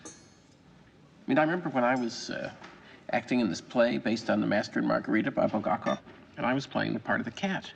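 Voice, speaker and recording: An actor playing a wry, anxious middle-aged stage actor, telling rambling, self-mocking stories in film dialogue. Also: male voice, medium pitch, brisk, vocal fry, long pauses, breathy edge, dull audio.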